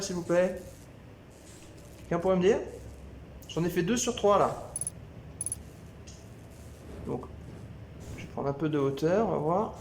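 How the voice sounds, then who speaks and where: A man commenting on his video game as he plays, thinking aloud with excited exclamations. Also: on the high side, vocal fry, a little hiss or hum. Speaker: gameplay video host. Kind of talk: live gameplay commentary. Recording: echoey room with game music.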